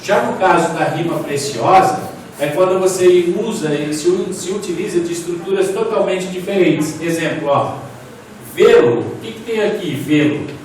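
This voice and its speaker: A man's voice: high-pitched, moderate pace, darkish tone. A man giving a poetry lecture from slides, explaining step by step and asking the audience questions. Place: large echoey hall. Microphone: distant from the mic. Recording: echoey hall, distant mic, faint room noise.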